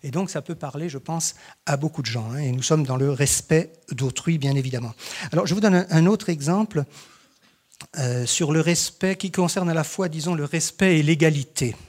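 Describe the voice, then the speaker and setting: A man's voice: fairly high pitch, normal speed, darkish tone. A man giving a spoken lecture on teaching, reflective and full of hesitations and tag words.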